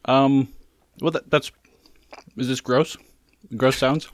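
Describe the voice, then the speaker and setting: A man's voice: mid-range voice, fairly even intonation, slow, no room sound. A man co-hosting a casual food-tasting show, chatting about the taste and sharing trivia between bites. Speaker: co-host.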